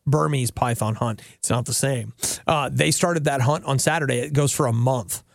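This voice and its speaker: A man with a gravelly edge to his voice co-hosts a casual talk show, wry and joking as he shares odd news stories. His voice sits at an ordinary middle pitch. The sound is dry and close, with no room echo. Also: normal speed. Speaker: co-host. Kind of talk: casual chat.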